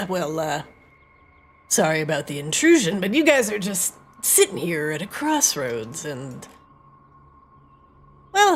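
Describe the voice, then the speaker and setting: Woman playing a shady, wheedling highwayman, swooping pitch. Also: exaggerated voice. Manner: hesitant, drawn-out, folksy wheedling. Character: shady male highwayman, wheedling, falsely casual shakedown artist. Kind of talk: tabletop game role-play.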